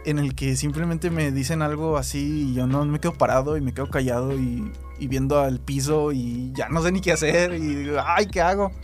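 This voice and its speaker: A man's voice: on the high side, normal speed, hardly any pauses, faint music behind. Mexican man hosting a casual chat. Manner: chatty, animated when retelling. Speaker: podcast host.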